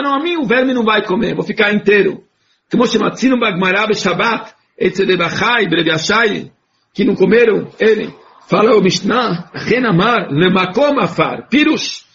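A man with a high, light voice teaching a religious text. He reads a passage aloud, then explains it by asking his listeners rhetorical questions, chuckling now and then. The recording is dull and lo-fi. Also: a bit bright. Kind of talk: Torah lesson, reading Hebrew and explaining in Portuguese.

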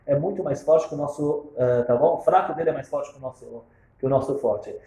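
A man giving a lively lesson on religious law, telling stories and acting out the dialogue with sudden jumps in pitch. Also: brisk, echoey room, rough recording. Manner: animated, acts out dialogue with sharp pitch jumps.

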